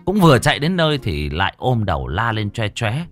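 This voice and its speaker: A man narrating a ghost story in a vivid, animated way. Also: lowish voice, a little fast, dry recording, faint music behind.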